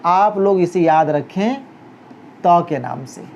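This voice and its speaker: A man teaching a handwriting lesson, talking slowly through each stroke as he writes and checking in with a rising "okay?" after every step. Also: high-pitched, animated, vocal fry, a little mellow. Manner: talks while writing, guiding each stroke. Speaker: Urdu teacher. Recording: dull lo-fi recording with faint noise.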